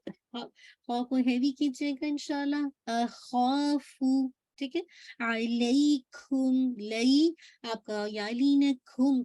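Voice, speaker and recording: A woman with a Pakistani Urdu accent teaching Quran recitation rules, modeling words slowly and explaining each rule. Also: on the high side, warm tone, dry recording. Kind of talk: tajweed class over audio call.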